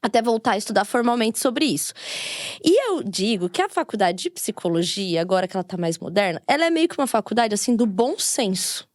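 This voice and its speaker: A woman's voice: mid-range voice, very animated, fairly quick, no echo, clean studio sound. A Brazilian woman speaking Portuguese with a Brazilian accent, a psychology student explaining ideas earnestly in a casual podcast chat, often adding "sabe?".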